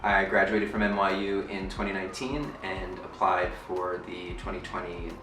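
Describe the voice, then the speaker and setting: A young man, an architecture student, answering in a formal, deliberate way. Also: low voice, completely flat delivery, music in the background. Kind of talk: prepared interview answers. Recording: echoey room, distant mic.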